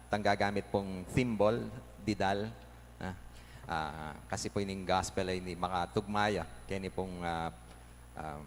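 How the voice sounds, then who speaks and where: A priest with a Kapampangan accent, reading Scripture and telling a story in a homily at a measured pace. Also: male voice, on the low side. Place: large church. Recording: echoey church with faint noise.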